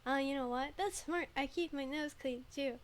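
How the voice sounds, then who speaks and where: A giggly woman streams a game, rambling through casual commentary in a high voice at a moderate pace. A native Mandarin speaker who moved to the United States very young, she has an American accent with a very slight foreign tinge.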